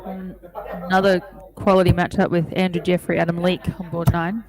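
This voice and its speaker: A woman's voice: lowish voice, level tone, a little fast. A woman giving conversational live commentary on darts matches. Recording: clear crowd noise behind voice. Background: crowd at a darts event.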